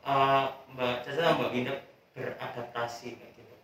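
A young man hosting a casual interview, relaxed, asking questions and humming along. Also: medium pitch, moderate pace. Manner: relaxed, frequent backchannel hums. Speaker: host. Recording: echoey room, distant mic.

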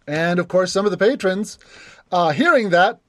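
A man's voice: sits high, lively intonation, moderate pace, no echo. A man narrating as game master in a tabletop game, hesitant, with many fillers and restarts.

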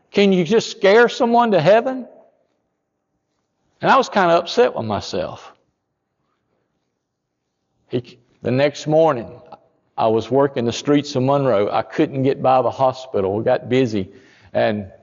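A man, a pastor telling a story in a sermon, folksy and rising to loud emphatic peaks. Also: medium pitch, long reverb tail, lo-fi sound.

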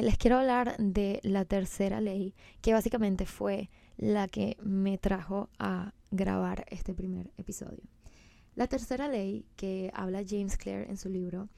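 A woman's voice: mid-range voice, gravelly, warm tone, no echo. A young woman hosting a solo podcast in a casual, chatty, emphatic way, mixing in English words. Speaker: podcast host.

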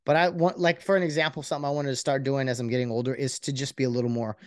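A man hosting a podcast alone, talking in a rambling, earnest and self-reflective way, with many halting restarts. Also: medium pitch, fairly even intonation, no echo, clean studio sound. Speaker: podcast host. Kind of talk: casual solo podcast monologue.

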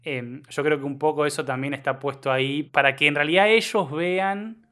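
A man discussing a film in a thoughtful, halting way. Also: fairly high pitch, a bit bright. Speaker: podcast film critic.

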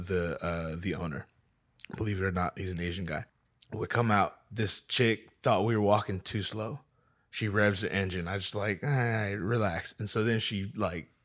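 A man's voice: sits low, a bit bright. A man telling a long story in casual, profane chat.

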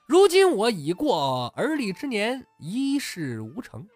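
Failed scholar man, as a storyteller puts him on, mock-modest, stiff classical phrasing, lively pitch. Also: slow pace, no room sound, soft background music, heavily acted. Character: down-on-luck scholar man past thirty.

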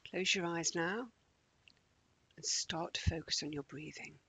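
A man leading a guided morning meditation in a slow, gentle, calming way, often dropping close to a whisper. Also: on the high side, a little hiss or hum.

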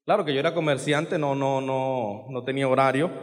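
A man preaching a sermon, dramatic, moving between loud outbursts and quiet asides. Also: mid-range voice, a little fast, long reverb tail.

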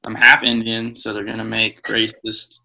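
A man's voice: on the low side, completely flat delivery, normal speed, vocal fry, bright, forceful tone. A young man in casual podcast chat with friends, joking and teasing. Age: young adult. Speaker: podcast co-host.

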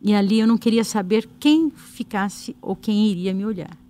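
A woman's voice: mid-range voice, normal speed, mellow. Woman, Brazilian Portuguese accent, podcast guest, earnest storyteller, quotes conversations. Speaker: guest singer. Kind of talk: personal faith testimony.

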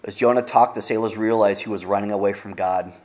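A man's voice: on the low side, fairly even intonation, fast, a little mellow. A man preaching a sermon, retelling a Bible story in a conversational way with easy asides to the congregation. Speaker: pastor.

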